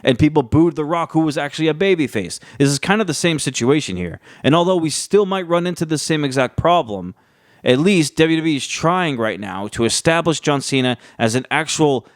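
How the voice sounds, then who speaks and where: A man's voice: a little high, no room sound, studio quality. Man giving casual, emphatic wrestling commentary. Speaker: wrestling fan video host.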